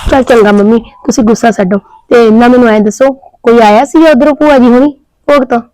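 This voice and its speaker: A woman's voice: fairly high pitch, fairly even intonation, fairly quick, warm tone, dry recording, lightly acted, poor audio. A woman playing a sulky young daughter-in-law who pleads and complains in a family skit. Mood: pleading. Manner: whiny, pleading. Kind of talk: scripted domestic skit acting.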